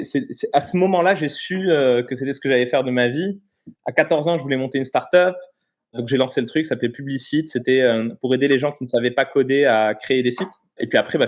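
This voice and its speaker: A man in his thirties, originally from Morocco, talks as an interview guest at an ordinary middle pitch. He explains at length in a relaxed, conversational way, stopping often to find his words. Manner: explanatory, halting with frequent pauses. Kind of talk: casual interview chat.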